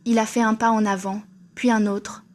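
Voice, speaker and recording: Flat, tense woman horror narrator. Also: on the high side, normal speed. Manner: tense first-person storytelling.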